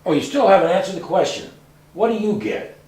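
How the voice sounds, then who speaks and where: A man's voice: high-pitched, brisk, a little mellow, close to an everyday voice. A man playing a skeptical dying man. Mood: probing. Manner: skeptical, probing. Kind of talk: short film acting. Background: music.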